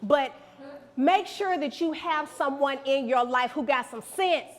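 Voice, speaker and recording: Animated high-voiced woman speaker. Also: unhurried. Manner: animated, preacherly, repeats lines for emphasis. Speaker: guest speaker. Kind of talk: motivational speech to students.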